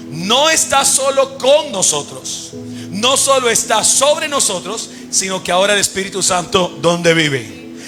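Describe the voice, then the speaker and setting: A male pastor preaching a sermon to his congregation. He keeps firing questions at them and has them finish his sentences, swinging from loud emphasis to quiet asides. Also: high voice. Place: church service.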